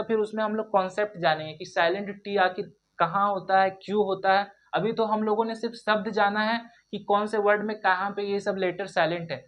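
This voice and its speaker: A woman's voice: medium pitch, lo-fi sound. Woman teacher drilling word pronunciations. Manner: repeats questions and answers, addresses viewers as friends. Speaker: English teacher. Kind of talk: online lesson, drilling pronunciation.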